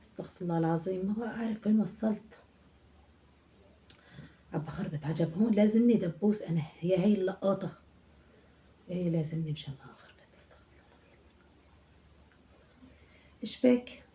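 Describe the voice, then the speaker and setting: With a low-ish, mellow voice at a quick pace, a woman sketch performer lightly acts the part of a fussing older mother in her sixties from Aleppo. The chatty, nagging character scolds and mutters prayers in an Aleppo Syrian Arabic accent, and a little hiss or hum is audible in this comic monologue.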